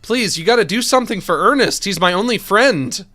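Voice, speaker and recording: A man's voice: sits high, expressive, a little fast, sharp tone, voice pushed up, exaggerated voice. A man voicing a frightened, pleading game companion. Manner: anxious, pleading. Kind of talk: reading game dialogue aloud.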